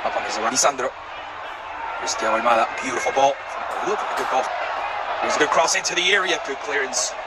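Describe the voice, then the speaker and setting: A man doing live play-by-play football commentary in an excited manner, shouting players' names and goals. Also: medium pitch, brisk. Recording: loud stadium crowd noise behind voice. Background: roaring football crowd.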